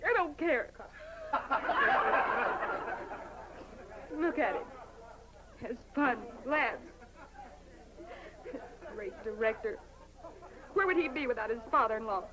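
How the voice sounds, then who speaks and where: An actress playing a bitter, resentful young actress in a 1950s film, muttering angrily. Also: female voice, on the high side, lively intonation, very slow, long pauses, a crowd in the background. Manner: angry, sulky muttering. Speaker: aspiring actress. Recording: faint noise of a 1950s film soundtrack.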